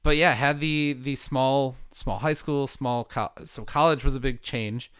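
A man's voice: medium pitch, measured pace, fairly bright tone, clear, resonant tone, no echo. A young man from Milwaukee chatting casually as a guest, easygoing, with many fillers and restarts. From Milwaukee, Wisconsin. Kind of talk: casual chat.

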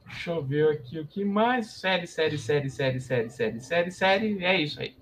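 A man's voice: a little high, animated, moderate pace, slight background noise. A man co-hosting a casual film podcast, muttering repetitively as he looks things up. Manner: muttering while scrolling, repetitive. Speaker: podcast co-host.

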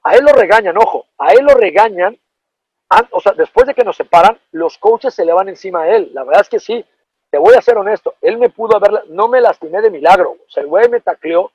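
A man's voice: high voice, fast, husky, dry recording, lo-fi sound. A middle-aged man with a Mexican accent, a former football player telling an anecdote in a casual, profane, slangy way. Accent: Mexican Spanish. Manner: animated, profane, slangy storytelling.

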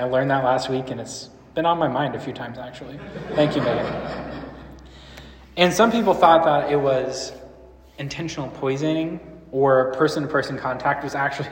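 A man teaching a group in a casual, rambling way, often asking the room questions. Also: medium pitch. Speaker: church speaker teaching a series. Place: large room with a live audience. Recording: echoey hall with long reverb.

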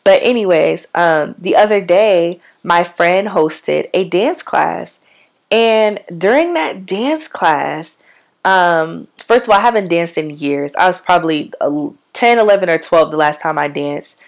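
A young adult woman with a raspy, slightly sick voice, talking bluntly and casually on her solo podcast with slangy asides. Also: lowish voice, lively intonation, measured pace. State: sick, hoarse voice. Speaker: podcast host.

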